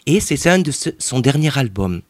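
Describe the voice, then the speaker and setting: A man's voice: mid-range voice, big pitch swings, normal speed, no room sound. A man speaking as a guest on a radio interview, talking about an artist with eager, wandering enthusiasm. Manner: enthusiastic, talkative, digressive. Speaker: radio guest, arts association member.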